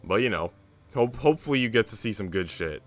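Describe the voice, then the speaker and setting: A young streamer with a lowish, expressive voice talks fast while playing a visual novel to music. He's casual and slangy, flipping between chatting and reading the game's text out loud.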